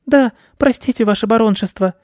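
A man voicing a small, sly male mouse with a squeaky, fawning voice, for a storybook reading. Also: brisk, a little mellow, no room sound, clean studio sound, close to an everyday voice.

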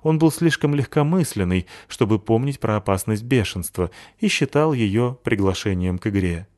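A man reads a children's story aloud with lively, expressive narration. His voice sits on the low side. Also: normal speed, no room sound, studio quality.

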